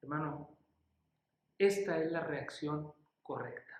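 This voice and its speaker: A man's voice: on the high side, slow pace. A man preaching a sermon in Mexican Spanish, earnest and pleading, often calling listeners dear and brother. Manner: earnest, pleading, repeats key phrases; calls listeners "querido" and "hermano". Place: church. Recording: echoey church room.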